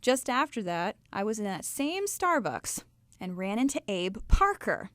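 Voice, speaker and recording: A young woman from Ohio telling her faith story to a live audience in a lively, chatty way. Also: mid-range voice, measured pace, dry recording. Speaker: speaker telling her testimony.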